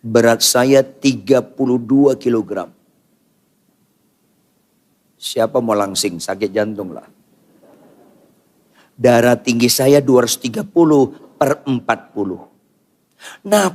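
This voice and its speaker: An older man preaching a sermon in church, firing rhetorical questions at the congregation and swinging from quiet asides to loud outbursts. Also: medium pitch, animated, takes it slowly, pauses often. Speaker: pastor.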